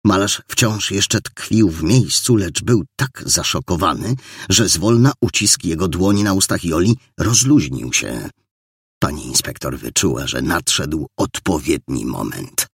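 A man's voice: low voice, lively intonation, unhurried, breathy edge, no room sound, clean studio sound. A man narrating an audiobook with dramatic storytelling. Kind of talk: scripted narration.

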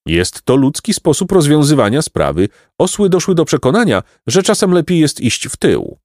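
A man's voice: a little high, very animated, normal speed, darkish tone, dry recording, clean studio sound, pitched above the performer's own voice. A man voicing a pompous, stubborn male donkey who fancies himself a philosopher, in a lofty, ponderous storybook manner. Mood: musing. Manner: lofty, ponderous, self-important. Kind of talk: audiobook reading of a children's tale.

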